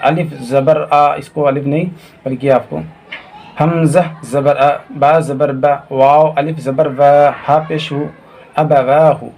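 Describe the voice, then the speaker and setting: Man slowly spelling out Quran syllables. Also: fairly high pitch, steady tone, a little mellow, slight background noise. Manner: slow, drawn-out recitation of syllables, then quick asides. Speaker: Quran reading teacher. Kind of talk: recorded lesson, spelling out letters and vowel marks.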